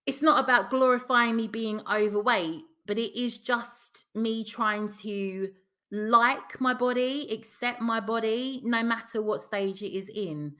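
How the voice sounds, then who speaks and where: A woman's voice: fairly high pitch, unhurried, pushed and bright. A woman with a South London or Essex accent hosting a podcast, talking frankly and chattily on her own, swearing casually. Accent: South London/Essex English. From South London or Essex, England. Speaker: podcast host. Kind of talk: candid solo podcast monologue.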